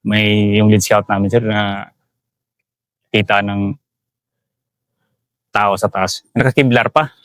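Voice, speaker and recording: Soldier telling a war story, saying "sir" constantly. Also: male voice, lowish voice, little pitch movement, slow, long pauses, no room sound, clean studio sound. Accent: Filipino. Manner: respectful, says "sir" after nearly every phrase. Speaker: soldier recounting combat. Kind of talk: interview storytelling.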